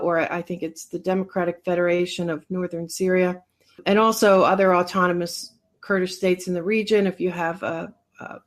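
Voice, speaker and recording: A woman co-hosting a podcast, welcoming a guest and asking him questions with a few fillers. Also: lowish voice. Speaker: podcast co-host. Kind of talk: interviewing.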